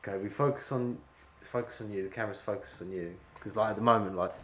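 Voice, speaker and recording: A man's voice: lowish voice, quick pace, a bit bright, a little hiss or hum. A man directing an actor at an audition, rambling and full of fillers as he explains the scene. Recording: echoey room with faint ambience.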